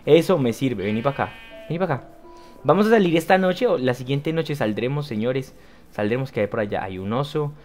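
A young man giving lively, exclamatory commentary while playing a video game, talking straight to his viewers. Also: mid-range voice, brisk, soft background music. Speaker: gaming youtuber. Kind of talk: casual let's play commentary.

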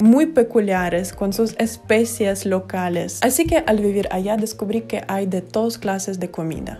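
Mellow-voiced woman vlogging in Spanish. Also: mid-range voice. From Ukraine. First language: Ukrainian. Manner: friendly, addresses viewers directly. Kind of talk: casual chat to camera.

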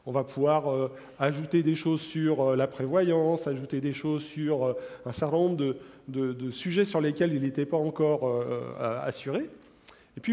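A man in his forties giving a keynote product demo on stage, talking straight to the audience with many fillers. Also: on the high side. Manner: animated, addresses the audience directly, many fillers. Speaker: keynote presenter. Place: large conference hall on stage. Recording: long hall reverb.

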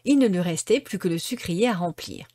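A woman reading a classic storybook aloud with expressive, lively narration. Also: lowish voice, a little fast, no echo. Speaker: storybook reader.

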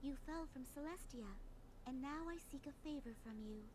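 Woman doing a gentle solemn goddess voice, high pitched book spirit guide from a video game, noisy background. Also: fairly quick, close to an everyday voice. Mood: calm, apologetic. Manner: serene, formal goddess-like voice. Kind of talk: video game dub acting.

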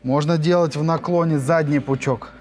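A man's voice: on the high side, fairly even intonation, moderate pace, darkish tone. Upbeat man touring a big gym. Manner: enthusiastic, chatty, hesitant fillers. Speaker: fitness vlogger. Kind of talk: walking gym tour. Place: large indoor gym. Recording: music playing under the voice. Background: background music.

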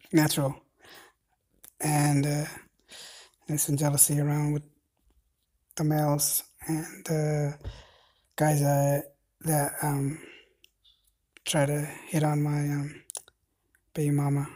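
A man in his thirties from Cambodia, rambling to a phone camera with many pauses and fillers while lying on a bed in a dim bedroom. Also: a little high, darkish tone. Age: 30s. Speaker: vlogger. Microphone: phone held at arm's length.

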